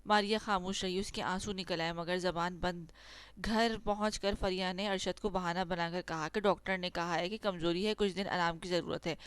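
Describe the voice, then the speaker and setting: Woman storyteller, steady earnest narration, smooth clear voice, dry close sound. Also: lowish voice, dry recording.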